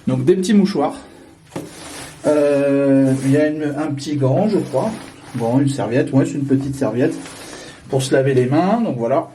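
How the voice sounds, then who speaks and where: In a rough recording with slight background noise, a male vlogger walks through hotel corridors and into a room, chatting casually. His voice is medium-pitched, warm and measured, friendly and full of filler sounds.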